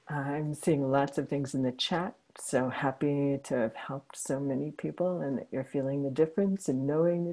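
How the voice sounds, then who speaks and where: A woman facilitating a healing session over a video call, speaking softly and encouragingly. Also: sits low, rough recording. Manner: soft, soothing and encouraging. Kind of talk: gentle guided closing talk.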